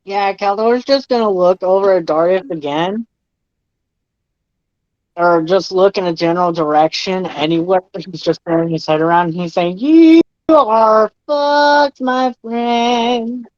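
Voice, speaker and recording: A woman's voice: on the low side, steady tone, moderate pace, darkish tone, no echo. A woman playing a character in a tabletop role-playing game, talking casually and swearing freely. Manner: casual, profane, describing her character's actions. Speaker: player. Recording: dry, dull lo-fi mic.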